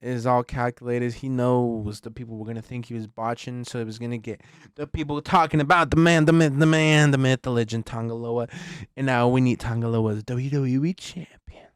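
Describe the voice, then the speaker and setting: A man co-hosting a casual podcast chat, excitable and prone to hyped-up shouting bursts. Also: mid-range voice, brisk, clean tone, no room sound, studio quality. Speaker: podcast co-host.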